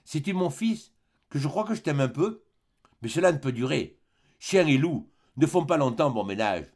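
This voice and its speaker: A man's voice: on the high side, expressive, moderate pace, darkish tone. A man reading an audiobook, voicing a wild, mocking young woman in a raised voice. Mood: earnest. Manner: mocking, playful.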